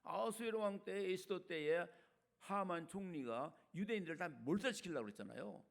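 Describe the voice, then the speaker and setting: An older man who is a retired senior pastor gives a sermon in a high-sitting, gravelly voice at a moderate pace. He's casual and chatty, swinging from loud emphasis to quiet comments.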